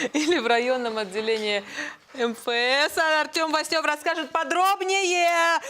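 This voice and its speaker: A woman news anchor reading the news in a TV studio, with brisk, amused asides. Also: high voice, a bit bright.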